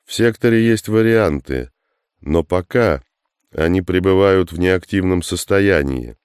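Man narrator doing a steady, self-assured soldier for a storybook reading; a touch raised from his very low voice, unhurried. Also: smooth, dry recording, studio quality. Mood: calm. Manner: calm and assured. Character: calm, confident armed man in contact with a creature.

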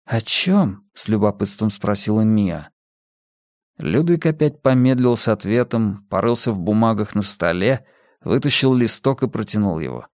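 A man reading a crime novel aloud as an audiobook narrator, with expressive intonation. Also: fairly low pitch, normal speed, no echo, clean studio sound. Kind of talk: scripted narration.

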